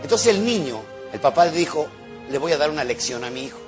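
A man's voice: fairly high pitch, expressive, fast talker, faint music behind. A man giving a motivational talk to a live audience, a theatrical, joking storyteller who acts out voices and sounds. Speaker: motivational speaker.

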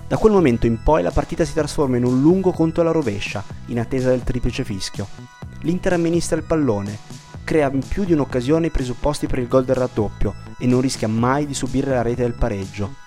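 A man's voice: mid-range voice, fairly quick, warm tone, soft background music. A man narrating a scripted football story in a dramatic, literary manner.

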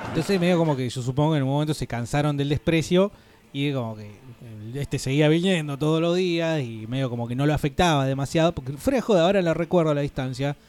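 A man with an Argentine Spanish accent, co-hosting a radio show in casual, relaxed chat, telling stories and trailing off softly. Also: on the high side, fast.

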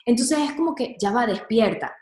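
A woman's voice: fairly high pitch, lively intonation, normal speed, a little mellow, roomy sound. A woman speaking earnestly and reflectively about motherhood in casual conversation, dropping in English words now and then.

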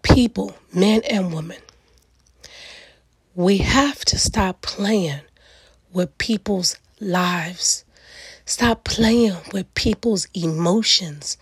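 A middle-aged woman with a raspy, gravelly voice hosts a solo reflective talk, speaking earnestly and emphatically in weighty repeated phrases. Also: mid-range voice, drawn-out words, pauses often, no room sound. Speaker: podcast host.

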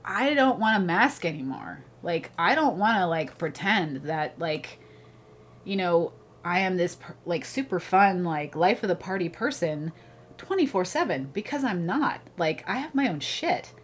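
A woman's voice: lowish voice, lively intonation, measured pace, slight background noise. Rambling woman podcast guest. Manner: rambling, heavy use of "like" and "you know". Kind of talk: casual chat.

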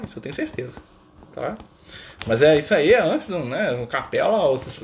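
Man hosting a casual live stream, mid pitch, chatty and playful, slight hiss behind. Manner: chatty, constant "né?" tags, playful asides. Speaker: spiritist live-stream host. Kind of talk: casual spiritual talk to viewers.

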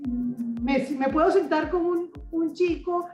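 A woman's voice: sits high, slow pace, a little mellow, roomy sound, recorded from a distance, faint music behind, low-quality recording. A woman in her fifties from Colombia, a guest author speaking eagerly in a radio interview, often repeating words as she searches for them. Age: 50s.

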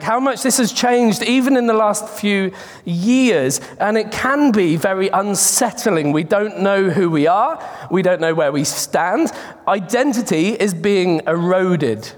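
A man preaching an informal sermon in an earnest, conversational way, speaking to a congregation from a microphone at the front. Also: sits high. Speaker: preacher addressing his church. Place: large echoing room at a church gathering. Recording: reverberant hall, live church recording.

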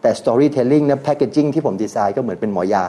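A man's voice: mid-range voice, moderate pace. A man on a radio talk show, a guest brand owner who tells his brand stories animatedly and mixes in English terms. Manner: animated storytelling, mixing English terms, laughs.

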